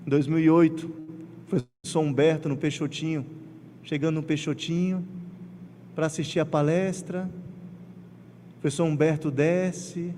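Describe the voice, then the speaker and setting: A middle-aged man with a Pernambuco accent giving an emotional, animated spiritist lecture, telling personal stories with acted quotes. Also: fairly high pitch, moderate pace, pauses often. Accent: Pernambuco Portuguese. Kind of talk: lecture to a congregation. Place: large lecture hall. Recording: hall reverb with faint ambient noise.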